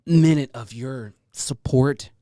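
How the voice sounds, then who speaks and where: A man's voice: medium pitch, slow pace, dark tone. A man hosting a podcast with effusive, casual talk that repeats itself and slips into hyped announcing and swearing. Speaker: podcast host.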